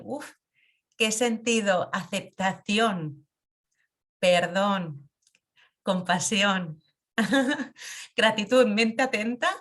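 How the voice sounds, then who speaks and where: A woman teaching a class on compassion, telling personal stories in an intimate, emphatic way with pauses. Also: medium pitch, a bit bright. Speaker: meditation and personal growth teacher. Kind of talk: reflective lesson with personal stories.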